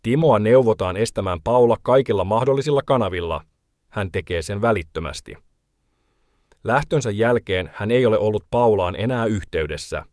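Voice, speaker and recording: Low-voiced man reading documentary narration. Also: animated, a little mellow, dry recording, clean studio sound. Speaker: reporter narrating a feature.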